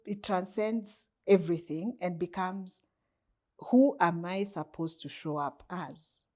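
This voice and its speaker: Here the Kenyan woman's voice sits lowish and sounds warm. As a guest coach in a reflective interview, she muses aloud and poses questions to herself.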